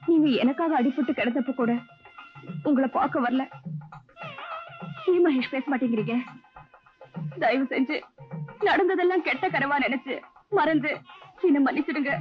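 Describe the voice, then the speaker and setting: A woman's voice: sits high, natural voice. An actress playing a remorseful young woman who pleads emotionally with her suitor, in 1980s Tamil film dialogue with English phrases mixed in. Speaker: film heroine. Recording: dull lo-fi 1980s film soundtrack, faint music.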